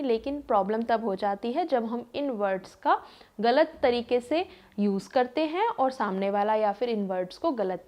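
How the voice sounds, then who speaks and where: A woman in her thirties tells a personal story in a relaxed, conversational way. Her voice sits a little high, and she leans on fillers. She acts out what others said. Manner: chatty, lots of fillers, acts out quoted voices. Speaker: vlogger. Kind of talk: casual storytelling monologue.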